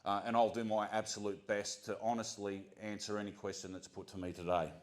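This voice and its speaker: Earnest Australian man, low voice. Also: flat delivery, fairly quick. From Central Coast of New South Wales, Australia. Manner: earnest, with frequent ums and restarts. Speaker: community speaker. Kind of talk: prepared public speech.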